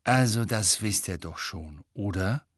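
A man's voice: on the low side, animated, unhurried, dry recording, clean studio sound. A man reading aloud, voicing a kindly middle-aged wizard father who talks hastily and evasively in a storybook. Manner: raised, hasty when evading.

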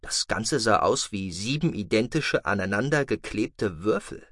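A man narrating a science-fiction audiobook in an expressive storytelling manner. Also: on the low side, measured pace, no room sound, clean studio sound. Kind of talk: scripted narration.

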